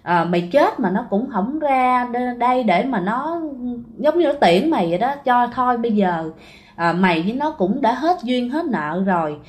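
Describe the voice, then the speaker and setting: A woman's voice: fairly high pitch, lively intonation, moderate pace, lightly acted. A woman voicing a pleading old grandmother praying to a spirit. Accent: Southern Vietnamese. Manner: earnest, imploring. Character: elderly grandmother pleading with her dead son's spirit.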